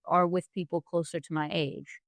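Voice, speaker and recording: A woman's voice: fairly low pitch, fairly even intonation, normal speed, no room sound. A woman co-hosting a podcast in casual chat, friendly in manner. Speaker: podcast co-host.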